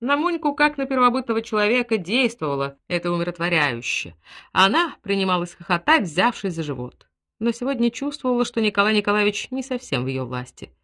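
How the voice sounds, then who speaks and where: Woman narrating an expressive audiobook. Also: mid-range voice, a little fast. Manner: expressive, dramatic reading. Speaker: audiobook reader. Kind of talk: scripted literary narration.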